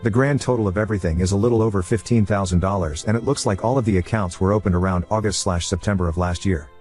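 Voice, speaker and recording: A man narrating online stories aloud in a brisk, steady delivery. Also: sits low, faint music behind.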